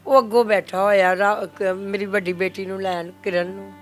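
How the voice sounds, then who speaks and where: A woman's voice: medium pitch, level tone, normal speed. An older woman, the mother of a victim, speaks with a strong Punjabi accent. She is grief-stricken and pleads, repeating herself as she talks. Faint music sits behind her voice. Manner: pleading, repetitive, emotional. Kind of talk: grieving testimony to a reporter.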